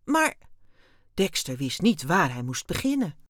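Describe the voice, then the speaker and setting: A woman reading a children's story aloud with lively, expressive narration. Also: on the low side, normal speed, no room sound, clean studio sound.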